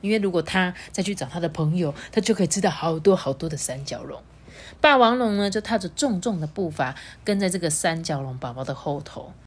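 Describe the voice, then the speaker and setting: A woman's voice: on the low side, lively intonation, brisk, husky. A woman with a Taiwanese Mandarin accent reading a children's storybook aloud expressively, voicing sound effects as she goes.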